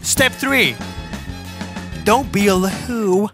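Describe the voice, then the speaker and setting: A man playing a pushy, hyperactive male infomercial pitchman with a thick American accent, shouting his sales pitch. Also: very slow, full character voice. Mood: frantic. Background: music.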